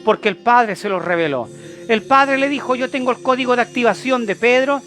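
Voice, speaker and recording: A Chilean man preaches in a high, ringing voice. He is emphatic and repetitive and keeps turning to his listeners with rhetorical questions, while faint music plays beneath him. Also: fairly quick, fairly bright tone. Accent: Chilean Spanish. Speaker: apostle and preacher. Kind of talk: sermon.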